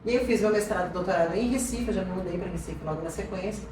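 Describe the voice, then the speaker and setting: A woman in her forties from Minas Gerais with a Minas Gerais accent, a marine biologist talking casually and lively as an interview guest, often laughing and restarting. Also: on the low side, rapid-fire. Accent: Minas Gerais Portuguese. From Minas Gerais, Brazil. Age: 40s. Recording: echoey room, distant mic, background noise.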